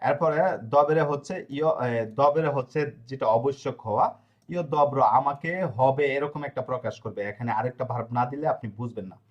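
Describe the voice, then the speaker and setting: Man, language teacher, repeats verb forms patiently, muffled lo-fi recording. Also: medium pitch. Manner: repeats conjugations slowly, with fillers and checks. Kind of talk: explaining a lesson.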